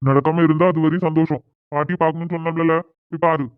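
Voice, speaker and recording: A man's voice: a little high, flat delivery, quick pace, clean tone, no room sound, natural voice. A man voicing a stern village father in a cartoon drama, reproaching his son sarcastically. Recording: tinny phone-like sound.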